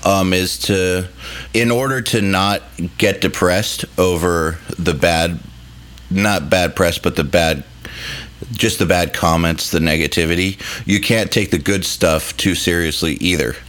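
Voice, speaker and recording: A man with a deep voice talks as a podcast co-host. His delivery is casual and earnest, like a conversation between musicians. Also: fairly even intonation, a little slow, fairly bright tone.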